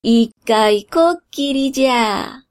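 A woman putting on a drawling shady genie. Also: on the high side. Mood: sly. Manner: slow old-fashioned drawl, folksy and sly. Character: shady lanky middle-aged male noodle genie. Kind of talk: storybook character voice.

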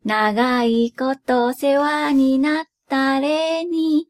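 A woman voicing an old male poverty god who speaks slowly and softly in old-fashioned, rustic speech. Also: high-pitched, steady tone, faint music behind. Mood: kindly.

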